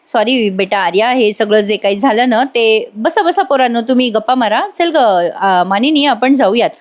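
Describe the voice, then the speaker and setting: A woman's voice: on the high side, moderate pace, natural voice. A woman voicing a stern older patriarch who scolds and gives orders. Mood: scolding.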